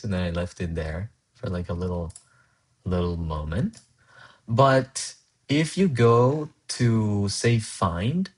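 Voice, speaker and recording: Coding live on stream, this young Colombian man, a native Spanish speaker, talks in a lowish, slightly mellow voice. His casual chatter wanders, full of false starts and fillers as he thinks out loud, and he frequently laughs and reads viewer messages aloud.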